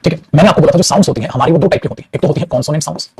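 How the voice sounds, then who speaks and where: A man's voice: fairly high pitch, racing, darkish tone, slight background noise. A man teaching an English grammar lesson in Hindi, calling his students beta and repeating his points with emphasis, with a Hindi accent on English words.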